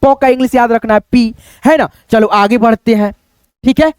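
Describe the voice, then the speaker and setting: A man giving a spoken English lesson, repeating letter sounds slowly and asking his viewers questions. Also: very high-pitched, fairly even intonation, smooth, dry recording. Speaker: English teacher.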